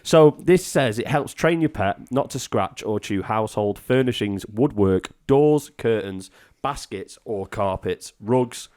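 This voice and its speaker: A man's voice: fairly low pitch, expressive, measured pace, darkish tone. A man on a comedy podcast, giggling and stumbling as he reads product labels aloud. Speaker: podcast co-host. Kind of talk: casual comedy podcast chat.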